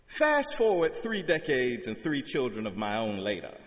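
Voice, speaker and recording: A man's voice: medium pitch, huge pitch swings, normal speed, long reverb tail. A middle-aged man preaching a sermon, telling stories with vivid humor. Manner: storytelling, uses vivid humor. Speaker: pastor.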